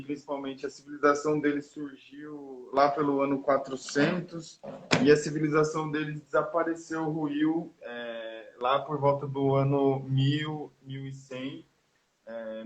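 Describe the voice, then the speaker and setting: A man explaining a topic on a live video call, his voice quiet and distant because he sits away from the phone mic, hesitant with many pauses and fillers. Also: mid-range voice. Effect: quiet, distant voice far from the phone mic. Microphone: device mic before switching to a headset. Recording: dull lo-fi call audio.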